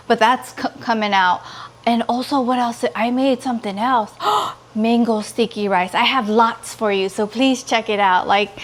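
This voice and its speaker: Expressive higher-pitched woman vlogger chatting. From California. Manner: expressive, pleading and gushing, quotes others in dialogue. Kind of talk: casual chatty vlog.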